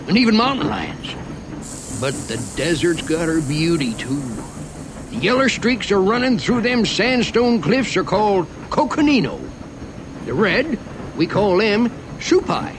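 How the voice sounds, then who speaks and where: A man's voice: high-pitched, noisy background. A man playing a folksy, wry Old West mining train guide, drawling in a rural Western American accent as he narrates a theme park ride. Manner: drawling, folksy dialect with chuckles.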